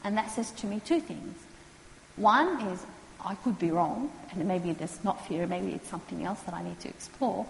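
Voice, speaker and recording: A woman, calmly explaining counselling skills to students and acting out what clients say. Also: on the low side, vocal fry. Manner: calm, measured, acts out client quotes. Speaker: counselling lecturer. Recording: echoey hall, faint noise.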